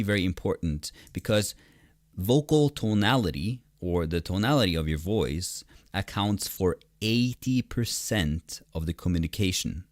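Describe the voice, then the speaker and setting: A man with a low, bassy voice narrates an online tutorial in a casual, enthusiastic way. He speaks close to a desktop microphone, so the sound is dry with very little room. He likes to repeat words for emphasis. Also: dry recording. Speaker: online course instructor. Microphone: close USB desktop microphone.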